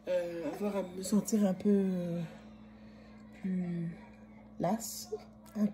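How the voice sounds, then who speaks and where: A woman's voice: lowish voice, level tone, takes it slowly, mellow, a little hiss or hum. Breathless woman with a Quebec accent. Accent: Quebec French. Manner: rambling, chatty, many fillers. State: short of breath, coughing. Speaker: vlogger. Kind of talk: casual chat to camera. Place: kitchen of a rented chalet, indoors. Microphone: phone camera propped in a cupboard.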